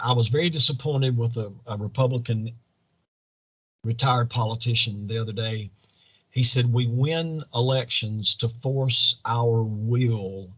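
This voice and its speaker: Husky man giving earnest campaign answers. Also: mid-range voice, dull audio. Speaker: political candidate being interviewed. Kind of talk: campaign interview answers in speech-like statements.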